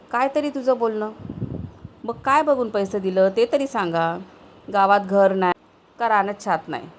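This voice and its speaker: Woman voicing a sharp-tongued nagging village wife. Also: mid-range voice, slight background noise, natural voice. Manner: scolding, rapid questioning. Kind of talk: storybook reading.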